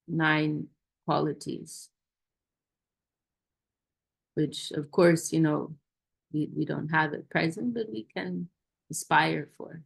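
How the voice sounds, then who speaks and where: Warm and self-deprecating, this Q&A host speaks over a video call in a casual, hesitant way, frequently starting her sentences over. Her low voice is husky, with vocal fry.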